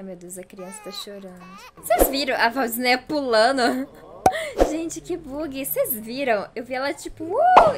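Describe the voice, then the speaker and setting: A woman's voice: on the high side, heavy background noise. A woman giving casual gameplay commentary, chatty and exclamatory, talking straight to her viewers. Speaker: gameplay YouTuber.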